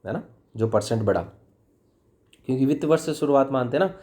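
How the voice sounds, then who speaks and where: Animated and brisk, a man with a mid-range, darkish voice and a Hindi accent runs a chatty classroom lesson on English vocabulary. He keeps raising questions and supplying the answers himself.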